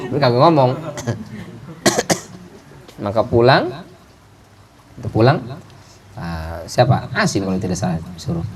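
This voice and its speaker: A middle-aged man preaching a sermon, telling stories and acting out the voices of the people in them. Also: mid-range voice. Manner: lively storytelling, acting out voices of characters. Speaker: Islamic preacher.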